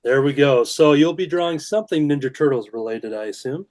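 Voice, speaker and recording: A man hosting a casual drawing show, talking in a relaxed way with frequent "uh" fillers. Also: fairly high pitch, fairly quick. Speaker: host. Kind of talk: casual video-call chat while drawing.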